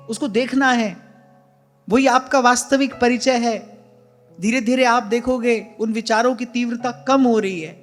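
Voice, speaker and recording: A man's voice: extremely high pitch, a bit bright. Earnest man giving a devotional sermon. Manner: earnest, repeats key phrases for emphasis; addresses listeners directly as "brother". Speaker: spiritual teacher. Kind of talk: devotional discourse. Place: ashram hall.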